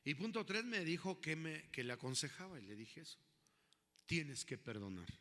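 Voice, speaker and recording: A man's voice: fairly high pitch, expressive, normal speed, sharp tone, long reverb tail. A man preaching a sermon as pastor, asking his listeners questions and building in intensity.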